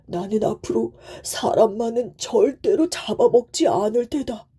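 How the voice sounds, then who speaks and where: A gentle old tiger from a bedtime storybook, heartbroken and kindly, speaking slowly through tears, as a woman narrator puts him on. The voice is soft and breathy with a mellow tone. It sits a touch higher and louder than the narration. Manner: tearful, slow, kindly. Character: grieving old male tiger, gentle and remorseful.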